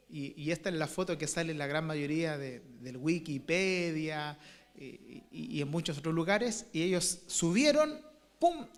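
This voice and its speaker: A male pastor preaching a sermon, telling a story slowly with many fillers and restarts. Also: on the high side. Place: church. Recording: long church hall reverb.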